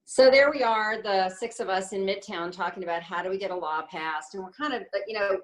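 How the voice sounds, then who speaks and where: A woman's voice: mid-range voice, a little fast, low-quality recording. A woman speaking at a conference, plainly recounting events and quoting what others said. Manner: plain narrative, quotes others.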